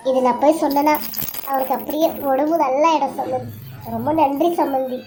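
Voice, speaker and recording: A woman's voice: high voice, steady tone, a little fast, dark tone, soft background music, natural voice. A woman voicing a polite, thankful middle-aged mother speaking to her in-law in a family serial drama. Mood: grateful.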